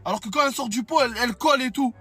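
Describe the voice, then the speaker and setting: A man's voice: very high voice, racing, pushed and bright, slightly rough, soft background music, full character voice. A man voicing a dim-witted young man who rambles through silly questions in street slang. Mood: puzzled. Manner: rambling, puzzled street talk.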